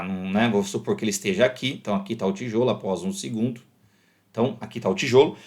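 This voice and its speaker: A man with a Brazilian Portuguese accent, a physics teacher explaining exam problems in a video lesson, lively and animated, acting out little scenes. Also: mid-range voice. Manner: lively, animated, acts out shouts in the example.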